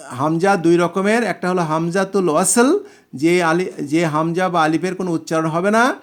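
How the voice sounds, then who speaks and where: Male teacher, Bangladeshi Bengali accent, high-pitched; patient, drawn-out recitation. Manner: slow, drawn-out recitation of Arabic words; patient explaining with checking questions. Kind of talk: Quran grammar class lesson.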